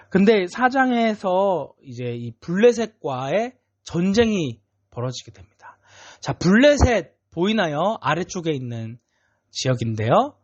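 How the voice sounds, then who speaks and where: A man's voice: sits high, lo-fi sound. A man preaching a children's sermon in a church, telling the story in a playful, chatty way. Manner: animated, playful, chatty with kids, frequent 'ne'. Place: church worship room.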